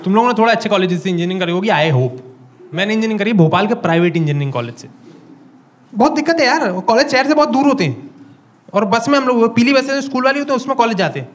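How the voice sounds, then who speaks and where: A young man with an Indian accent performs stand-up before a live audience on a small comedy club stage, telling stories and acting out dialogue with lots of animation into a handheld mic. His voice is high-pitched and very fast, with a little hiss or hum.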